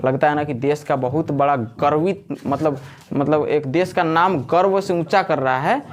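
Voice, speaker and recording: A man's voice: a little high, normal speed. A man with a Jharkhand Hindi accent teaching a class in a coaching classroom, chatty and joking, often quizzing his students. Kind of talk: classroom lecture.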